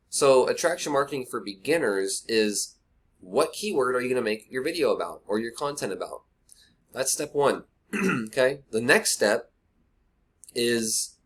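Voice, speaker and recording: A man's voice: mid-range voice, fairly bright tone. Blunt casual man on a webcam mic. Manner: blunt, rambling, talks to viewer directly. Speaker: online marketing instructor. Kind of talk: casual screen-recorded tutorial. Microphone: cheap webcam mic.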